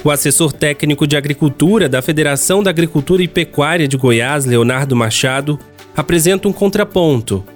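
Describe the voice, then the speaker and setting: A man's voice: fairly high pitch, a little fast, soft background music. A man with a Brazilian accent reading scripted news narration as a radio reporter.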